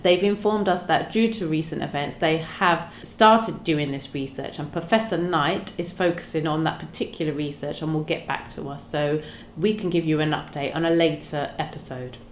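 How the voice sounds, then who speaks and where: A woman from hosts a podcast discussion. She talks in a measured, earnest way and stumbles into small restarts, in a roomy, echoing room. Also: low voice, slight background noise. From London, England. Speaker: podcast host. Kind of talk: podcast discussion, partly read from research notes. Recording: roomy echo.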